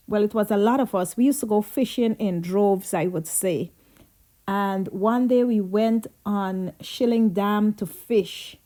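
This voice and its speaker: Her mid-range voice mellow, a Guyanese woman vlogs casual stories from her childhood. She reminisces chattily and drifts into Creole along the way.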